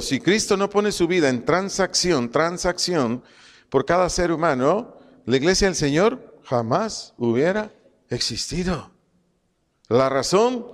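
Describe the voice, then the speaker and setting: A man's voice: a little high, big-room sound. A man teaching a Bible study, asking questions and answering them himself, repeating key phrases and spelling out Greek words.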